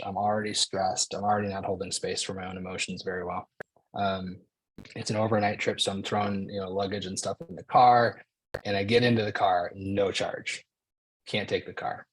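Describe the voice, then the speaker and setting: A man speaking as a guest on a video call, telling a personal story with animation and acting out the shouted quotes. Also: on the low side, husky, low-quality recording.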